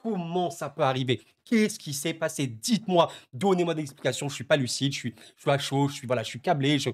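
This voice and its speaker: Man, somewhat high voice, football reaction vlogger; agitated, stammers, emotional asides to the viewers. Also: brisk. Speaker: football YouTuber. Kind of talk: excited football reaction vlog.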